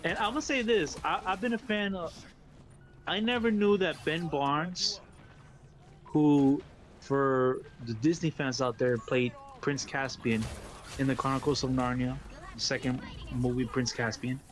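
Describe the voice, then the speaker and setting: A Brooklyn man with a New York accent, chatting on a gaming stream, excitable and laughing, repeating words and calling people "bro". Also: mid-range voice, unhurried. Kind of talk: casual gaming stream chat.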